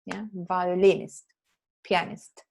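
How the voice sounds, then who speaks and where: A woman's voice: on the low side, level tone, drawn-out words, creaky, darkish tone. A woman, an English teacher giving feedback on a video call, correcting and explaining patiently. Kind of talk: online class feedback.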